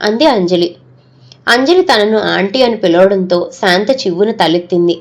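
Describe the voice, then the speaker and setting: Brief: woman storyteller, steady and measured, mid-pitched. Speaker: narrator. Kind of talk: audio story narration.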